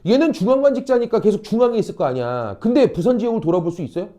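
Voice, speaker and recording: A man teaching a high-school history class, blunt and teasing, quizzing students and acting out a king's orders. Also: sing-song, racing, dark tone. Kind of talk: classroom lecture.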